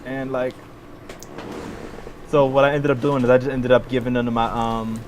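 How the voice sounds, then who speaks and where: A man's voice: mid-range voice, flat delivery, normal speed, crowd noise, poor audio. A man in his late twenties chatting on a podcast, hesitant, swearing often and filling gaps with "um". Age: 20s. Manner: hesitant, profane, many ums. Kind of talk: casual chat.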